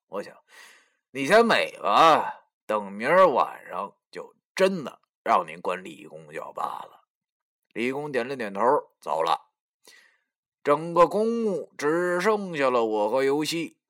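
Swaggering, lively male narrator. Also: mid-range voice. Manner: sly, swaggering storyteller voice. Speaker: audiobook narrator. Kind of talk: dramatized novel reading.

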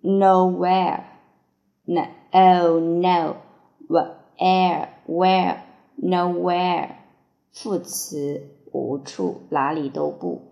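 A woman's voice: fairly low pitch, steady tone, extremely slow, gravelly, warm tone, dull audio. Teacher, female, spells out vocabulary word by word at a crawling pace; roomy echo. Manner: spells words letter by letter and gives meanings. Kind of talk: slow word-by-word dictation lesson. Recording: echoey room.

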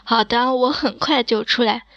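A woman's voice: fairly high pitch, normal speed, fairly bright tone, no room sound, muffled recording. A woman playing a timid, frightened schoolgirl.

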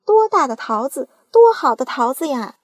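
A woman voicing a shrill, bossy, greedy aunt who shrieks and scolds in a storybook reading. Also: very animated, normal speed, dry recording, studio quality. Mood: excited.

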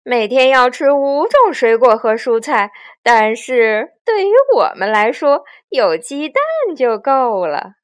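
A woman voicing a boastful male weasel bandit chief who jeers loudly at the hens, for a children's story. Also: on the high side, lively intonation, takes it slowly, few pauses, dry recording. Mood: mocking. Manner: loud, gloating and jeering.

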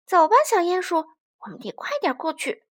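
A woman's voice: very high-pitched, animated, normal speed, fairly bright tone, no echo, studio quality, voice pushed up. A woman voicing a kind, brave little hedgehog, eager and cheerful, in a storybook reading.

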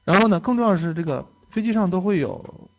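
A man's voice: sits high, expressive, fast talker, highs cut off. Chatty young man telling lecture stories. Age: young adult. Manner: chatty, laughs often, tags phrases with "OK" and "是吧". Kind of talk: casual storytelling lecture.

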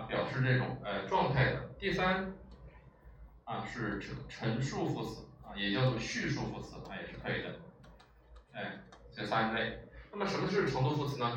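Speaking in a mid-range, fairly bright voice, a man teaches a language lesson as a lecture, patiently explaining and regularly checking in with listeners. His delivery is full of filler sounds and rhetorical checks, and the recording is echoey and distant with faint noise.

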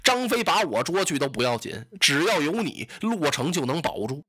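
A man's voice: on the high side, big pitch swings, normal speed, a bit bright, slightly rough, voice pushed down, heavily acted. A male storyteller voicing an anxious city commander, fretful and worried. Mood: pleading.

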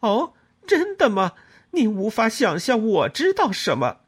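A man doing a furious shouting young woman. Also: sits high, very animated, a little slow, slightly rough, voice pushed up, exaggerated voice. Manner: shouting, cutting, accusing.

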